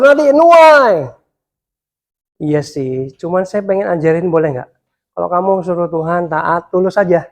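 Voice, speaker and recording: Animated male preacher telling a story. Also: a little high. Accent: Indonesian. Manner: lively, swings between loud excited and hushed tones. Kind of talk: storytelling sermon to young people.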